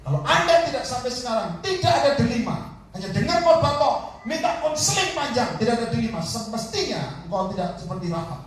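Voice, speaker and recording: Lively preacher in an echoing hall. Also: male voice, very high voice, fast. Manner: animated, calls for amen from the congregation, acts out people in stories. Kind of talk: lively sermon. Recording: distant, very echoey hall with faint noise.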